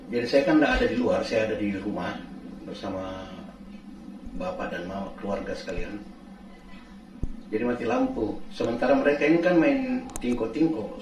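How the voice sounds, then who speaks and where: A man casually recounting a true experience, halting and repeating phrases as he goes. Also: lowish voice, a little mellow. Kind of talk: casual spoken storytelling. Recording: roomy, distant mic, faint background noise.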